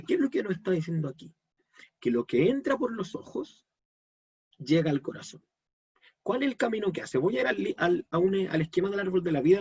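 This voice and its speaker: A man's voice: high voice, darkish tone, slightly rough, lo-fi sound. A man giving a live online Kabbalah lesson, explaining step by step and checking in with his audience. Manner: explanatory, asks the audience questions. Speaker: Kabbalah teacher.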